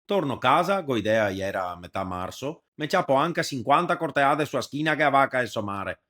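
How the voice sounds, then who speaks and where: A man's voice: medium pitch, big pitch swings, normal speed, a bit bright. A man with a Venetian accent doing a comic dub in broad dialect, talking in a colloquial, crude, grumbling way.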